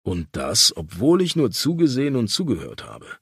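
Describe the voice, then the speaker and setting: Man doing a teasing crude buddy, audiobook, husky, dry studio sound. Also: medium pitch, wildly swooping pitch, moderate pace, fairly bright tone, no echo, full character voice. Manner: mocking, cheeky. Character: teasing crude young man, cocky friend.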